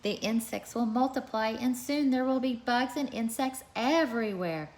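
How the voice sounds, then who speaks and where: A woman's voice: on the high side, moderate pace, a little mellow, slight background noise, voice pushed up, close to an everyday voice. A woman voicing a practical mother who questions her young son in a storybook reading. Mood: questioning, concerned. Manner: questioning, pointed.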